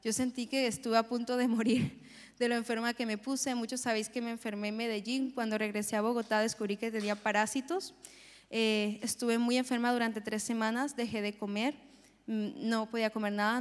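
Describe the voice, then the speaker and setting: Young woman, earnest sermon, emphatic repetition, high voice, church hall reverb. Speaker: preacher. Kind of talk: sermon with personal testimony.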